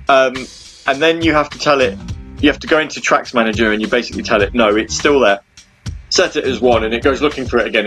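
A man in his thirties with a mid-range, slightly bright voice hosts an internet radio show. He rambles in casual chat, full of ums and restarted sentences.

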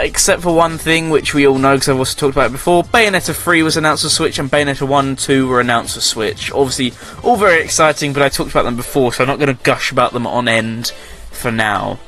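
A man with a bright, forceful, fairly high voice hosts a casual radio news roundup. He rambles, corrects himself mid-sentence and slips in dry sarcastic jokes. Faint music plays behind him. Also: fairly even intonation, quick pace, hardly any pauses. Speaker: radio show host.

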